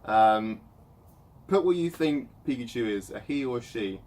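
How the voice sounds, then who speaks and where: A man's voice: mid-range voice, expressive, a little slow, a little mellow. A man in his late twenties, hosting a casual chat and rambling along with fillers. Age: 20s. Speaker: host. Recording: light background noise.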